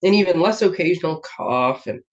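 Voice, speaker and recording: A woman's voice: lowish voice, lively intonation, moderate pace. A woman hosting a casual craft live stream from her home desk, rambling and laughing often, a bit congested from a sinus infection. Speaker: host of a papercraft live stream. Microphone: webcam setup. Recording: dull lo-fi stream audio.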